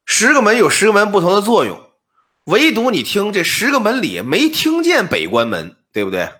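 A man telling an old ghost story on a podcast, explaining details in an animated, comic patter. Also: high-pitched, normal speed. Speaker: storyteller, co-host.

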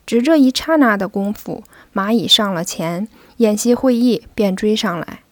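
A woman narrating a novel in a steady storytelling manner. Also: medium pitch, normal speed, no room sound. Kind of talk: novel reading.

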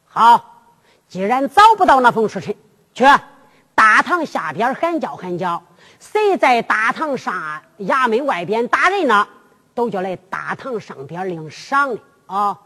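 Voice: mid-range voice, big pitch swings, a little slow, sharp tone, in a large hall, heavily acted. A storyteller voicing a stern, bossy male county magistrate, barking orders in a drum-ballad performance. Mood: commanding.

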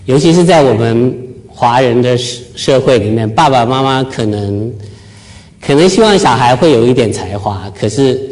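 A middle-aged man from Taiwan speaks to an audience in a hall, at a voice of ordinary pitch. He tells his story with gentle, self-mocking humor and easy timing. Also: lively intonation, normal speed. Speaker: speaker giving a talk. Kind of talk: storytelling public talk. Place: lecture hall with live audience.

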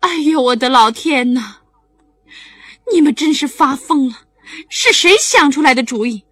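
A woman's voice: a little high, animated, a little slow, pushed and bright, dry recording, full character voice. A woman voicing an exasperated mother scolding her children in a bedtime story.

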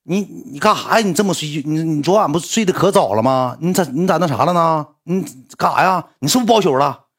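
A woman's voice: low-pitched, expressive, a little slow. A man putting on the voice of a clingy young girlfriend, cooing in a babyish way and nagging her partner, with a Northeastern Chinese accent.

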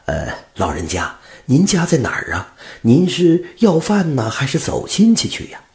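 A man's voice: fairly high pitch, wildly swooping pitch, moderate pace, darkish tone, voice pushed up. A man voicing a kind-hearted young butcher who talks earnestly and stammers a little. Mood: curious.

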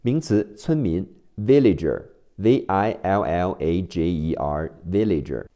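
A male teacher drilling English word spellings letter by letter, slow and deliberate. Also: low-pitched, expressive, dark tone. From China.

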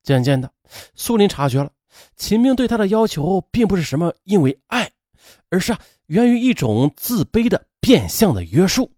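A man telling a story in a lively, folksy way with drawn-out fillers. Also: high-pitched, no echo, clean studio sound. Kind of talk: storytelling narration.

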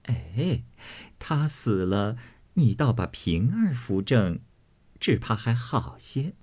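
A man voicing a sly, flirtatious servant's wife who speaks in a hushed tone. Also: fairly low pitch, big pitch swings, slow, exaggerated voice. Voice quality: soft, hushed.

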